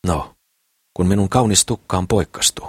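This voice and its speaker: A man voicing a boastful, excitable crippled builder in an audiobook, eager and full of himself. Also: sits low, breathy edge, no echo, clean studio sound, voice pushed up. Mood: puzzled. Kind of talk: audiobook character voice.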